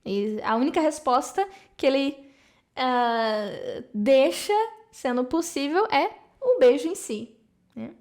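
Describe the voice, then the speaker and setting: A woman's voice: high voice, expressive, slow. A young woman teaching an English lesson in a chatty way, often checking in with the listener. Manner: chatty, explains warmly with many "né?" asides. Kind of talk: casual video lesson.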